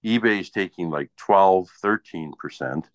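A man with a low voice talks a little slowly in a casual chat, blunt, swearing, and grumbling. He's a small business owner who sells online, and the recording has a dull lo-fi quality in an echoey room.

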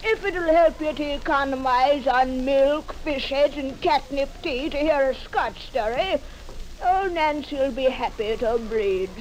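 Ancient witch storyteller, high and slow, cackling, folksy, old radio horror with faint noise. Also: darkish tone. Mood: folksy, gleeful. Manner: cackling, folksy, archaic phrasing. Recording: noisy old radio recording.

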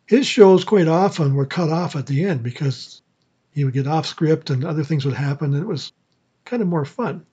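A man hosting informally, commenting in halting phrases on vintage programs, with dull sound. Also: a little high, lively intonation, warm tone, slightly rough. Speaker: old-time radio program host.

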